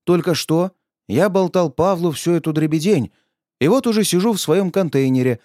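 A man reading a first-person story aloud, wry and deadpan, acting out the dialogue. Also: a little high, normal speed, no room sound, clean studio sound. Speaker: audiobook narrator. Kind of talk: audiobook narration with dialogue.

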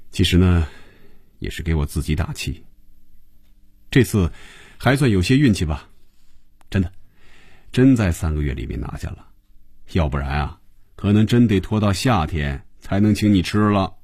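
A man's voice: sits low, lively intonation, normal speed, pauses often, darkish tone, husky, dry recording, exaggerated voice. A man voicing a wry, understated man in an audiobook, dodging teasing with dry jokes. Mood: candid.

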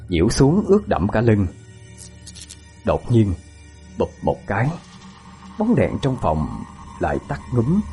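A man's voice: lowish voice, warm tone. A man narrating a ghost story in a dramatic, suspenseful way.

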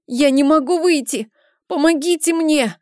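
A woman's voice: high voice, measured pace, darkish tone, no echo, pitched above the performer's own voice. A woman voicing a frightened fourteen-year-old boy, a king's son trapped by trolls, pleading close to tears.

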